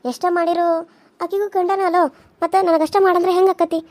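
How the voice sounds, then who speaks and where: A woman's voice: extremely high pitch, little pitch movement, a little fast, a little mellow. A woman voicing a young village woman in a cartoon serial, coaxing and soothing, with a North Karnataka accent. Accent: North Karnataka Kannada.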